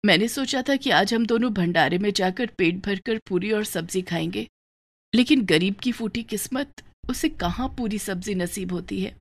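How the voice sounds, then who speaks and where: A woman voicing a poor widowed village mother in a storybook tale. She speaks softly and faintly in a low voice. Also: moderate pace, close to an everyday voice. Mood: weak, tender. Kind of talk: storybook voice acting.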